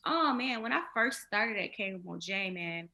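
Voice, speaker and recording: A woman who is a former radio personality, talking as an interview guest in a youthful-sounding voice that is hoarse from a cold. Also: medium pitch, moderate pace. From Minnesota. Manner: animated storyteller, acts out quotes. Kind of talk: casual interview conversation.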